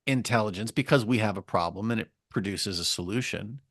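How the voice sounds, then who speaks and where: Low, gravelly man, wry and emphatic. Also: a little fast, a bit bright, no room sound, studio quality. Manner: wry, sarcastic asides; emphatic, repeats key phrases. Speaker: podcast co-host. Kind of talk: casual academic discussion.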